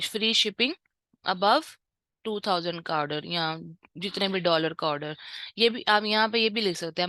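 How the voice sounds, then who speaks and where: A woman's voice: medium pitch, bright, forceful tone, no room sound. A woman from Pakistan, walking students through a screen-share tutorial in a conversational way and often checking in with them. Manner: conversational, repeats "theek hai" to check in. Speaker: online course instructor.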